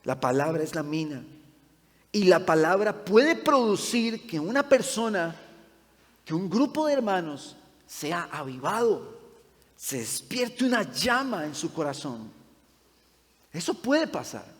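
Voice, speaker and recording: A male pastor preaching a sermon, telling a story with feeling and swinging between loud passages and hushed ones. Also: high voice, big pitch swings, measured pace. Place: church sanctuary. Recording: long hall reverb.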